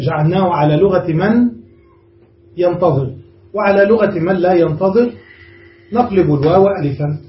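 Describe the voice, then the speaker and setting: A man giving a classroom grammar lesson, explaining step by step and often checking whether the class understood. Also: high-pitched. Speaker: grammar teacher. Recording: roomy, distant, dull lo-fi room recording with faint noise.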